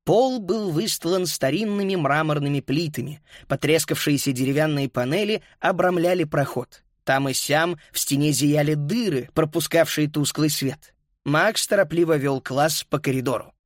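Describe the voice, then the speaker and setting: A man narrating a children's story as an audiobook, lively and voicing each child. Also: a little high, moderate pace, no echo, studio quality.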